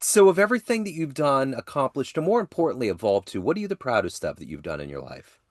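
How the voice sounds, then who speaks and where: A man hosting an interview podcast asks questions over a video call, reacting effusively with frequent "yeah" affirmations. His voice is medium-pitched, sing-song, and quick. The recording is dry and studio quality.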